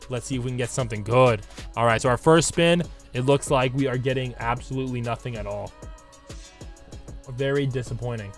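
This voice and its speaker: A man with a hoarse, raspy smoker's voice, recovering from losing it, giving slangy, hyped game commentary to his viewers over music. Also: mid-range voice. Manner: slangy hype talk addressed to viewers. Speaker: gaming YouTuber. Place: indoor room at a computer. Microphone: desk microphone close to the mouth.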